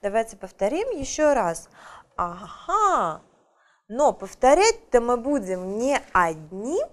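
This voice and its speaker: Lively, slow-talking woman teaching children English. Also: fairly high pitch. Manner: patient, frequently asks "да?" to check understanding; drawn-out, carefully modelled pronunciation.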